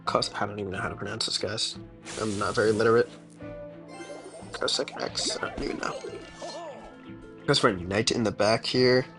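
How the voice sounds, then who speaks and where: A man's voice: on the low side, steady tone, normal speed, pauses often, pushed and bright. A man casually commenting on his own gameplay during a live stream, laid-back and mumbling asides as he reacts to chat. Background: game music.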